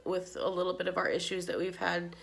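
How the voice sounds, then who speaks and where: Middle-aged woman vlogger, slightly low voice, teary and rambling, heartfelt casual talk. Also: completely flat delivery, fairly quick, creaky. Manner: rambling, many "you know"s, tearful and heartfelt. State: crying. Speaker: makeup vlogger. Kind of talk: casual chat while doing makeup.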